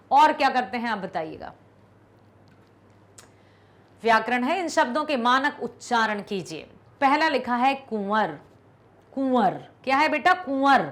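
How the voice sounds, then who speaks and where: A woman teacher giving an online lesson to children, slowly drawing out each syllable, repeating words for pupils to echo and praising them often. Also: high voice, a bit bright. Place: recorded for an online class video.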